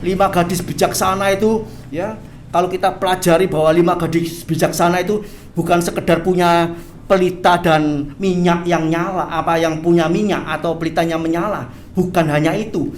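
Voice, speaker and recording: A pastor preaching an animated sermon, often tagging phrases with "ya". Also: mid-range voice, moderate pace, slight background noise. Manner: animated, tags phrases with "ya", acts out quoted voices. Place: church hall, livestreamed service. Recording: echoey church hall.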